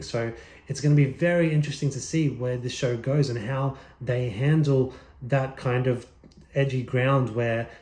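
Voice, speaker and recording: A man with a medium-pitched voice talks through his opinions for his viewers in a roomy, echoing recording. He is pensive and thinks aloud, often stopping to rephrase. It is an unscripted commentator's monologue. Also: mellow. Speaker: YouTube commentator. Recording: echoey, roomy sound.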